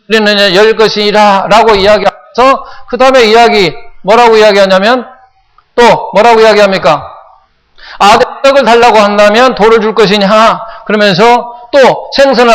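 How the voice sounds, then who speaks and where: High-voiced pastor preaching in a reverberant church. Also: male voice, fairly bright tone, clear, resonant tone. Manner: asks the congregation questions, repeats phrases for emphasis. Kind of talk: sermon. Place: church sanctuary.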